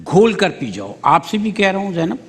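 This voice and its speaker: A man's voice: high-pitched, very animated, fairly bright tone, in a large hall. A man judging a speech contest on a TV show, bluntly pointing out forgetting and pronunciation errors. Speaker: debate judge. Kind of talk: TV competition judging. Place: TV studio.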